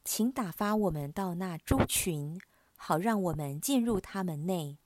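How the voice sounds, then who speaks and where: Woman reading as a pleading possessed man, tormented, lowish voice, dry close sound. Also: lively intonation, measured pace, darkish tone, dry recording. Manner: pleading, urgent. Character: tormented possessed man, many demons inside.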